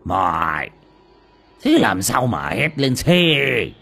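Brief: stern elderly head of house, deliberate and commanding, read by a man. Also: medium pitch, big pitch swings, vocal fry, fairly bright tone, slightly rough, full character voice. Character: stern older male household master.

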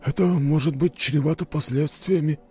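A man's voice: fairly high pitch, fairly even intonation, moderate pace, dark tone, breathy edge, soft background music, voice pushed up. A man voicing a nervous, cautious butler in an audiobook, worried and hesitant. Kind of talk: audiobook character voice.

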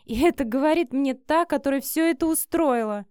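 A woman's voice: sits high, animated, normal speed, warm tone, no echo, clean studio sound, voice pushed up. A woman voicing an anxious, hurt young office worker in an audiobook, speaking plaintively and defensively. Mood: scornful.

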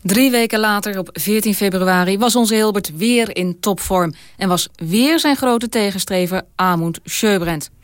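A woman calmly narrating a scripted radio feature. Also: medium pitch, measured pace, hardly any pauses, dry recording. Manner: calm storytelling.

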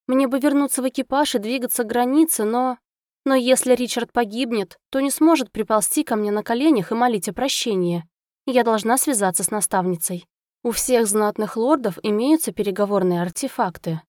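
A woman narrating a first-person fantasy audiobook in an expressive storytelling manner, close to the mic. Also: fairly high pitch, moderate pace, no echo.

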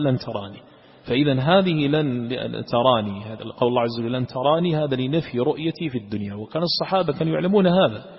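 A man teaching a religious lesson that explains scripture. He repeats key words, rephrases them, and asks rhetorical questions he then answers. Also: mid-range voice. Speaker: sheikh teaching Quran commentary. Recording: echoey hall, dull lo-fi sound.

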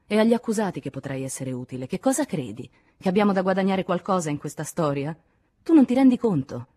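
A woman's voice: deep voice, expressive, fast talker, dark tone. A woman reading an impassioned male activist. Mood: irritated. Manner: insistent, reproachful, heated. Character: vehement middle-aged male communist activist.

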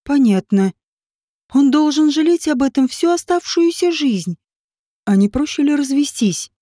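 A woman's voice: high voice, animated, a little slow, warm tone, no echo, clean studio sound. A woman voicing a blunt, teasing former cop who pushes a rich woman to divorce, read in an audiobook. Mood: coaxing. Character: man, a brash ex-cop wooing a rich woman. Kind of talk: audiobook character reading.

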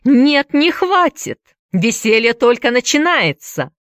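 A woman's voice: medium pitch, sing-song, measured pace, no room sound, studio quality. A woman voicing a crazed, cruel man with a knife, hissing and mocking as he gloats. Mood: manic mocking. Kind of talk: audiobook character reading.

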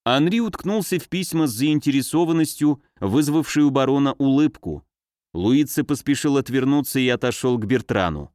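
A man reads an audiobook in an even, measured way. His voice sits in the mid-range, and the recording is dry and studio-clean.

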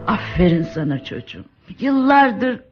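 A woman's voice: mid-range voice, big pitch swings, a little slow. An actress playing a lonely, doting older woman in an old radio drama, sweet and coaxing. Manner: doting, chatty, calls him "my child". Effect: old radio show recording. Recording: dull old radio recording, faint music.

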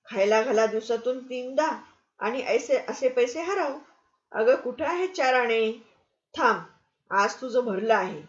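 A woman's voice: animated, unhurried, dull audio. A woman voicing a harsh, scolding innkeeper's wife who nags and insults. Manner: shrill, nagging, insulting.

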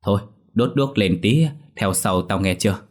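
A man voicing a gruff old grandfather who digs up graves, bossy and cursing, in a spoken ghost story. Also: on the low side, moderate pace, natural voice. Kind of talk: audiobook character voice.

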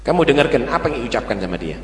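A man preaching a religious sermon, lively with humorous asides in local dialect. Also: mid-range voice, rapid-fire. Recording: echoey hall with long reverb.

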